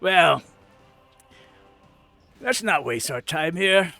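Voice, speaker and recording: A man voicing a sly, boastful hobgoblin mercenary in a tabletop game, gravelly, with haughty, mocking, drawn-out taunts. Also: fairly high pitch, lively intonation, sharp tone, faint music behind, heavily acted. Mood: dismissive.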